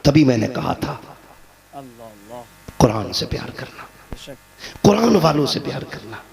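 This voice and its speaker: A man preaching a sermon, rising to loud emphatic peaks and then dropping low. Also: very animated, a little slow, creaky. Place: gathering with a live crowd. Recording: crowd responding audibly.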